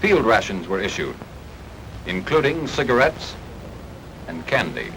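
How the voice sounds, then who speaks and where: Narrating a 1940s wartime propaganda film from a script, this American newsreel-style narrator has a fairly low voice with huge pitch swings, a slightly slow pace and a pushed, bright quality. He reads formally, declaiming with emphasis, and the archival soundtrack is noisy.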